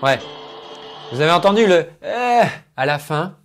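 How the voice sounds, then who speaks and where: A man's voice: high voice, animated, measured pace, soft background music. Guy vocal coach breaking down a singer's technique, chatty, lots of jargon, talking into his mic at the computer. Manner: chatty and explanatory, uses singing jargon. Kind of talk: casual spoken analysis of a singer. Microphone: own microphone at a computer.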